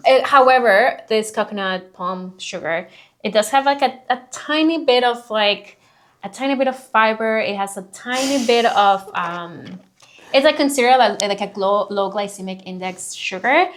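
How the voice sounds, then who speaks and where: A woman's voice: medium pitch, moderate pace. Chatty woman explaining product labels. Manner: explanatory, hedging with many fillers. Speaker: co-host. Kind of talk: casual product review chat.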